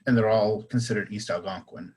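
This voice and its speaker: A man's voice: fairly low pitch, fairly even intonation, fairly quick, husky, rough recording. A man with a Southern US accent talking in a casual panel discussion, hesitant and full of fillers and restarts.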